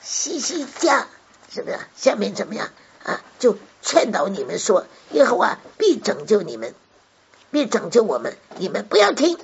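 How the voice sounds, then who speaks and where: A woman's voice: medium pitch, sing-song, moderate pace, gravelly. A woman preaching a sermon and explaining scripture, who keeps asking her listeners rhetorical questions. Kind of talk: sermon, Bible exposition. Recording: dull lo-fi recording.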